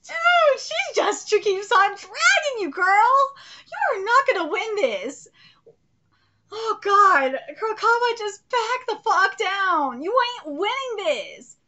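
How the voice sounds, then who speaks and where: A woman's voice: very high-pitched, sing-song, slow, sharp tone. A woman in her thirties giving theatrical, slangy, profanity-laced reaction commentary at home. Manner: brash, theatrical, slangy, profane, often breaking into laughter. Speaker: live reaction video host. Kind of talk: animated reaction commentary with read-aloud manga dialogue. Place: small room at home, indoors.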